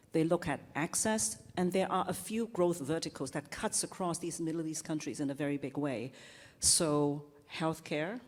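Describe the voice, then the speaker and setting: A woman speaking as a conference panelist in a measured way, listing her points. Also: deep voice, dark tone, big-room sound. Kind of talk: panel discussion.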